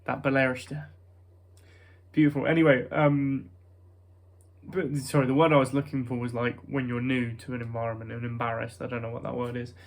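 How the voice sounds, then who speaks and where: A young man with a British accent talks in a nasal voice at a middling pitch. He rambles in a casual vlog style, self-conscious and hesitant, often dropping a thought halfway and starting on another. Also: little pitch movement, a little fast. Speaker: vlogger.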